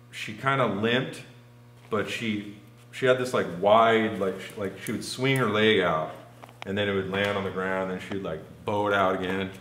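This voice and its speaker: A man's voice: on the low side, a bit bright, reverberant, a little hiss or hum. A man, a podcast guest, telling a long story casually and rambling with many "like" fillers.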